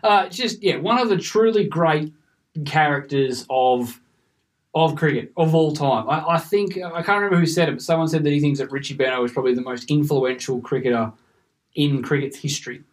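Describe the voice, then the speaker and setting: Australian male podcast co-host, casual and rambling, voice a bit on the high side. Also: a little fast. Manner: rambling, animated, laughs often. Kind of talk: casual chat.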